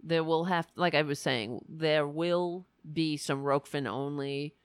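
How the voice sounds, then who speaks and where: A woman hosting a live stream, chatting casually and haltingly as if thinking aloud. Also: deep voice, steady tone, smooth, no room sound. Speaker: host of a political live stream. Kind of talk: casual livestream chat.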